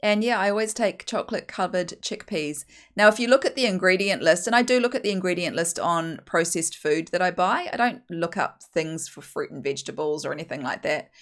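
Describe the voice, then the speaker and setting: A woman's voice: on the low side, a little fast. A woman with a broad New Zealand accent hosting a casual solo podcast in a blunt, opinionated, emphatic way. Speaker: podcast host.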